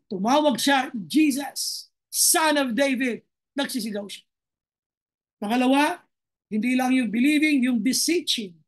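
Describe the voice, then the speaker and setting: A woman pastor with a Filipino accent preaching a sermon, moving from calm teaching to sudden fervent shouts and slowing down to stress key lines. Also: high voice. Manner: preaches in Tagalog mixed with English.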